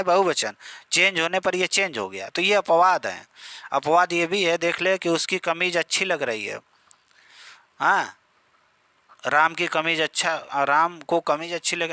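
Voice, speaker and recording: A man teaching an exam-prep grammar lesson in a bright, forceful voice that sits a little high. He runs through example after example, asks questions and answers them himself, and calls his students by familiar names. The recording is close and dry. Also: clear, resonant tone, no room sound. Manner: explains with many example sentences, keeps asking questions and answering them.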